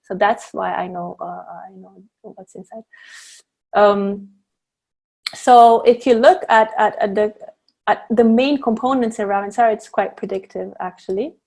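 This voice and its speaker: A woman's voice: mid-range voice, measured pace, a little mellow. A woman leads an online class on blending essential oils over a video call. She explains each step patiently, but her sentences stumble, restart and fill up with ums and uhs. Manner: hesitant, with many fillers and restarts, explaining step by step. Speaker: guest presenter teaching essential oil blending. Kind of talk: online teaching demonstration.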